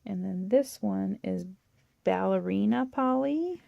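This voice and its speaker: A woman hosting a toy-collecting channel, chatting and gushing through a catalog in a hoarse voice. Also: medium pitch, slow, no room sound, muffled recording. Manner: chatty, gushing, with little laughs. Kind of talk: casual show-and-tell of a toy catalog.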